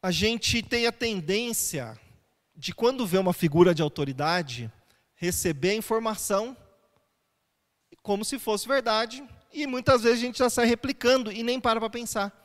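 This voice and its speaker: Male pastor, high-pitched, chatty sermon delivery with rhetorical questions, recorded in a reverberant church. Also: moderate pace, fairly bright tone. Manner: conversational teaching with rhetorical questions.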